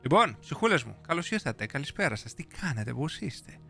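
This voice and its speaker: A man's voice: a little high, big pitch swings, creaky, pushed and bright. A young man hosting a casual live stream, playful and slangy, chatting with viewers and reading their messages aloud. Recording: faint music behind.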